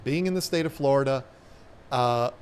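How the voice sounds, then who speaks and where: A man's voice: medium pitch, moderate pace, darkish tone, a little hiss or hum. A man co-hosting a casual live stream, telling rambling anecdotes with many restarts. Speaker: aquarium channel co-host.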